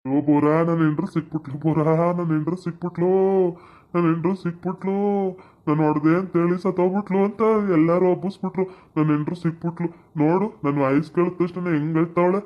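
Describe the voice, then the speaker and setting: A woman voicing a loud, weeping older village landlord, pleading over and over. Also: lowish voice, fairly even intonation, quick pace, voice pushed down, close to an everyday voice. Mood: tearful pleading. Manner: wailing, repetitive pleading. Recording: dull lo-fi audio.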